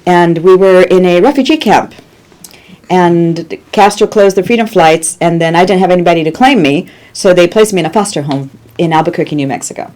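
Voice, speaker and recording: A Cuban-born woman in her sixties, a guest producer telling animated stories in an interview and laughing easily. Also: on the low side, fairly quick. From Cuba. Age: 60s. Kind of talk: conversational interview storytelling.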